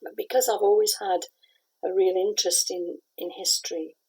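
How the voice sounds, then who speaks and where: A middle-aged playwright from the west of Scotland answers interview questions thoughtfully and at a measured pace, pausing and starting over as she goes. Her mid-range voice is warm with a breathy edge and fairly even intonation, though the recording quality is low.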